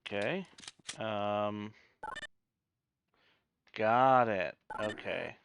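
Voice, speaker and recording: Man, casual gaming commentary, slow pace, hesitant, thinking aloud, faint noise behind. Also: fairly low pitch, vocal fry, fairly bright tone. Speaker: gamer.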